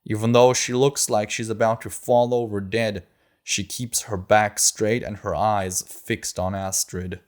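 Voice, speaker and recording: A man narrating an audiobook in a measured, steady way. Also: fairly low pitch. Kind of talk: scripted narration.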